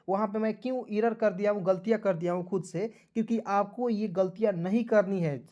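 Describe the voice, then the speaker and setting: A man's voice: high voice, a little mellow. Fields: sex: man. Style: spelling lesson. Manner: spells words letter by letter, often asking "ठीक है ना"; friendly, calls viewers friends. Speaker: English teacher.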